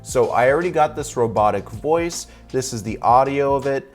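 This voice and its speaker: A man's voice: medium pitch, lively intonation, moderate pace, faint music behind. A young man hosting a sponsored video-editing tutorial, explaining each step in an upbeat, casual way. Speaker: video editor and tutorial host. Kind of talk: sponsored software tutorial walkthrough.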